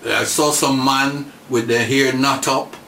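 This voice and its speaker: An older man from Aruba with a Caribbean accent, telling stories casually and haltingly in colloquial phrasing as an interview guest. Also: mid-range voice, steady tone, pushed and bright. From Caribbean, born in Aruba, raised in Trinidad and Dominica. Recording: roomy echo, clear background noise.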